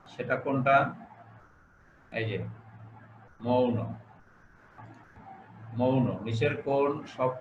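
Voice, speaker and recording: A man teaching an online grammar lesson, explaining step by step and repeating key words. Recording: echoey room, dull low-fi sound, faint hiss.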